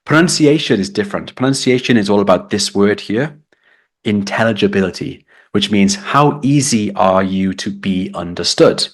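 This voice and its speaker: Brief: British male tutor, low-pitched, upbeat live-lesson explainer. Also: expressive, normal speed. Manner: explaining, reading chat comments aloud. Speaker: English test tutor.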